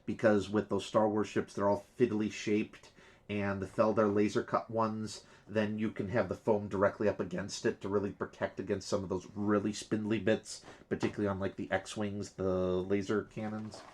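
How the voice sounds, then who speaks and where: A man's voice: fairly low pitch, little pitch movement, normal speed. Chatty man explaining game pieces. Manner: detailed, explanatory, frequent fillers. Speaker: co-host. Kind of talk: casual unboxing chat.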